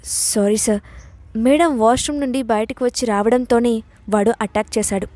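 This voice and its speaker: A flustered young male bodyguard, hurried and apologetic, as a woman storyteller voices him. The voice is pitched a touch lower than her own, in a dry, close sound. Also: mellow, dry recording, close to an everyday voice.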